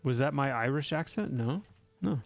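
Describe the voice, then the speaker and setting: A man's voice: mid-range voice, animated, moderate pace, creaky, faint music behind. A man streaming a video game, chatting casually with his viewers and teasing them with wry asides. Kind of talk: casual livestream commentary while gaming.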